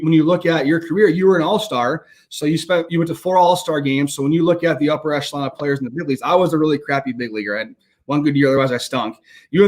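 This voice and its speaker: A man hosting a casual interview, a former ball player who tells stories in an animated, joking way. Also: on the high side. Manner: animated, quick storyteller, joking.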